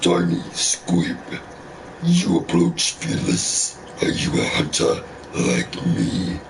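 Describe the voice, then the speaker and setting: Demonic game hunter, possessed growl, extremely low, menacing, solemn, wildly swooping pitch. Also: male voice, huge pitch swings, far from the mic, noisy background, exaggerated voice. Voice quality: super deep, gravelly, demonic growl. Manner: possessed-sounding, slow, drawn-out menacing delivery. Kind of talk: video game character dialogue read aloud.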